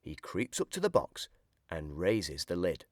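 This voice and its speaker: A man reading a children's picture book aloud in an expressive storytelling voice. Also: low voice, unhurried, no echo, studio quality. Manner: expressive, sing-song storytelling.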